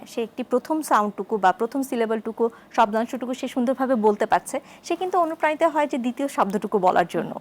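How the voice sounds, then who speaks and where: High-voiced woman explaining therapy steps. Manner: measured, explanatory, repeats key terms. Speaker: speech therapist guest. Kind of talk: explanatory studio discussion.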